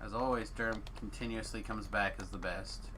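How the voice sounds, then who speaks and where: A man's voice: lowish voice, steady tone, normal speed, noisy background. A man streaming a video game, chatting casually as he plays. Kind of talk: casual gameplay chat.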